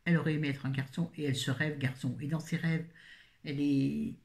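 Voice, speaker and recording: A woman's voice: low-pitched, steady tone, fast. Chatty woman reviewing books. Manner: chatty, rambling, self-correcting, jokey asides. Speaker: book reviewer. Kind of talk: casual book review chat.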